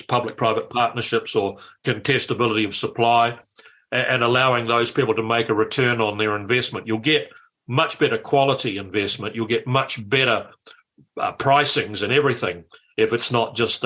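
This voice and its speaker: An older man, a former MP telling anecdotes as a radio guest, animated and repeating words as he goes. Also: mid-range voice, moderate pace.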